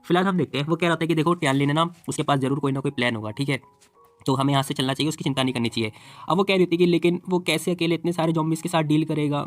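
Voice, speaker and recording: A man with a rather high, steady voice talks rapid-fire over faint music, recapping a comic story in a chatty way. He acts out the characters' dialogue and throws in personal asides.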